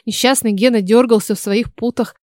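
A woman narrating a horror story audiobook in a steady, expressive reading. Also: a little high, brisk, no echo, clean studio sound.

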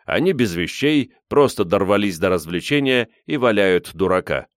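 Brief: male audiobook narrator, wry and animated, lowish voice, dry close recording. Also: moderate pace, no room sound.

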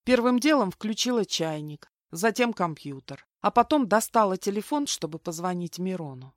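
Woman reading a first-person audiobook, lively, dry close mic. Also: medium pitch, normal speed, dry recording. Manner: expressive, lively reading of a heroine. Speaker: audiobook narrator.

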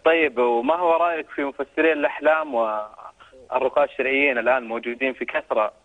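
Very fast young man on speakerphone. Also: medium pitch, fairly even intonation, phone-quality sound. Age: young adult. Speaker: caller, secondary school student. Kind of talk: phone call. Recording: phone heard over speakerphone.

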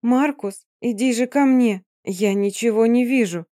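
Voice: mid-range voice, unhurried, warm tone, no room sound, clean studio sound, voice pushed up, close to an everyday voice. An audiobook narrator voicing a seductive, mocking female water spirit with a sing-song, teasing manner. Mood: calling. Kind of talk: audiobook reading.

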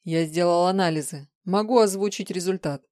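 A woman reading an audiobook, voicing a calm, formal male analyst reporting results. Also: fairly low pitch, no echo, clean studio sound, lightly acted. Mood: clinical. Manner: measured, formal.

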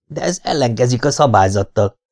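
A man's voice: medium pitch, animated, a little mellow, close to an everyday voice. A man voicing a nervous, fussy male funeral parlor manager in an audiobook reading. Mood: protesting.

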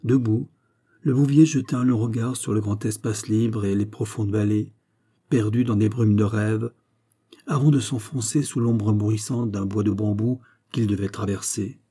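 A man reading a classic fairy tale aloud in a measured, expressive storybook narration. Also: on the low side, slightly rough.

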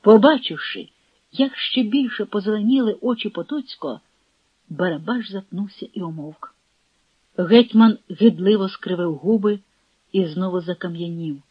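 A woman reading a historical novel aloud as an audiobook narrator, in a measured, dramatic way. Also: medium pitch, breathy edge, dry recording, dull audio. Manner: measured, dramatic reading with quoted dialogue voiced.

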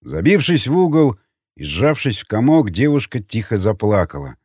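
A man reading an audiobook in steady, even scripted narration. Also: fairly low pitch, normal speed, slightly rough, dry recording, studio quality.

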